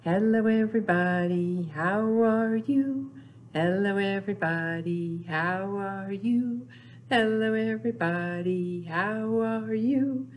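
With faint music behind her, an older woman speaks slowly in a mid-range voice during a storytime for young children. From her seat in front of a wall in a small indoor room, she reads aloud and chats in short, simple phrases with playful sound words.

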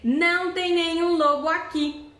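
A woman's voice: very high-pitched, fairly even intonation, measured pace, a bit bright, roomy sound, voice pushed up. A woman voicing a sly, wicked male wolf in a children's story, sneering and gloating.

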